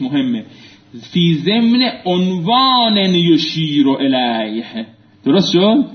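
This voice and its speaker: A man with a fairly high voice teaches a class and quizzes his students. His tone swings from loud prompts to low asides. The recording is muffled and lo-fi and picks up a lot of echo from the room. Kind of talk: classroom lecture with call-and-response drilling. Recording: echoey room, muffled lo-fi sound.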